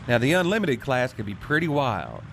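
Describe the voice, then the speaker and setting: A man's voice: medium pitch, very animated, moderate pace, creaky, background noise. A man narrating an event video in a scripted commentary style.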